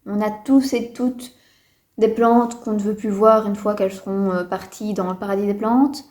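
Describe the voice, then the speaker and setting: A woman's voice: mid-range voice, steady tone, normal speed, darkish tone. A woman casually chatting to camera as a houseplant vlogger, hesitant, with many fillers and a mildly disappointed tone, indoors at home. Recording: roomy echo.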